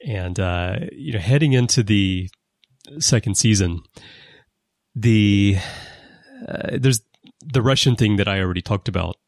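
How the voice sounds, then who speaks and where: A man hosting a casual podcast conversation, explaining background at length with lively emphasis. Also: on the low side, unhurried, dry recording, studio quality. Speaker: podcast host. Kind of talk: casual conversation about a TV series. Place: lives in Japan.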